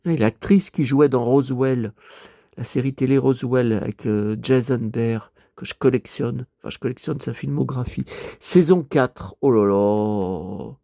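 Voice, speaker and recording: A man's voice: medium pitch, measured pace, creaky, warm tone, no room sound, clean studio sound. A man vlogging casually to his viewers, rambling and muttering with mild swearing as he talks from home in front of a TV.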